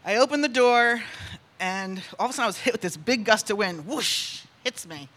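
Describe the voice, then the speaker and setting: A woman from North Carolina tells a personal story to a church congregation. Her voice is bright and forward, and she talks in an animated way, acting out the other people in her story. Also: medium pitch, fairly quick. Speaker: church speaker. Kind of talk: storytelling testimony.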